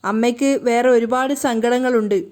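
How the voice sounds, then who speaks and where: Woman voicing a sorrowful, bitter mother, high-pitched. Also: fairly even intonation, brisk, darkish tone, natural voice. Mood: sad. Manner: sad, bitter. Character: grieving bitter middle-aged mother.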